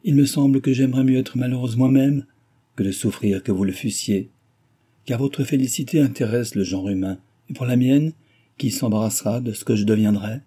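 A man's voice: medium pitch, normal speed, dark tone, slightly rough, pitched above the performer's own voice, lightly acted. A man voicing an earnest, adoring young woman of modest rank who speaks effusively, in a novel reading. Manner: effusive, eager.

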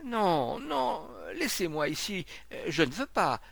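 A man's voice: mid-range voice, expressive, fairly quick, gravelly, a bit bright, no echo. A man voicing a terrified villager who stammers and pleads in fear. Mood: panicked.

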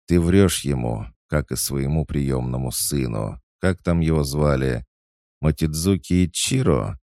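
A man's voice: very deep voice, animated, a little slow, dark tone, dry recording, studio quality, voice pushed up, heavily acted. A man voicing a creepy, taunting boy who haunts his sister's dreams, mocking and sneering.

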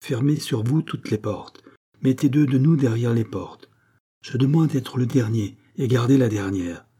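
A man's voice: mid-range voice, a little slow, dark tone, breathy edge. A man voicing a loyal young noble officer in an audiobook, speaking in a pressing, commanding way. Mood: urgent. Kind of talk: audiobook character reading.

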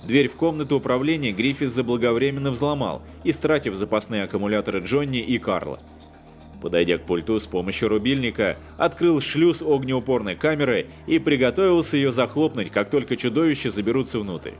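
A male narrator reads a comic space story with a wry, even storytelling voice. His pitch sits in the middle range. Quiet music plays underneath. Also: a little fast. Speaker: audiobook narrator. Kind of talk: scripted narration.

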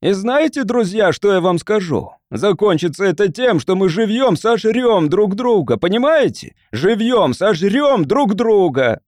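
Narrator doing angry defiant guy yelling at a crowd, raised pitch, dry sound. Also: very animated, a little slow, hardly any pauses, no echo. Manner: forceful, indignant, declaiming. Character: angry, defiant man facing a mob.

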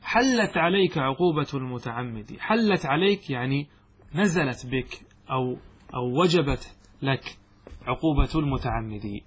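A man's voice: mid-range voice, lively intonation, normal speed, slightly rough. A man teaching Arabic grammar in a classroom lecture, explaining step by step and posing questions to his students that he then answers himself.

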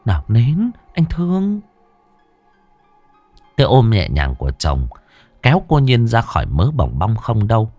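A man's voice: fairly low pitch, sing-song, moderate pace, a little mellow, no echo, soft background music. A man narrating a ghost story with a dramatic delivery.

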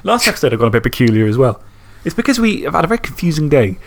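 A man's voice: a little high, big pitch swings, racing, gravelly. A man co-hosting a podcast in casual, rambling, self-mocking chat. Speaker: podcast co-host.

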